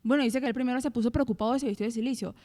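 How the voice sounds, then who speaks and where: A young woman co-hosting a Bible study podcast, retelling scripture in a lively way and acting out quoted complaints. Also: on the high side, rapid-fire, in a large hall. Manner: animated, acts out quoted complaints. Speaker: co-host.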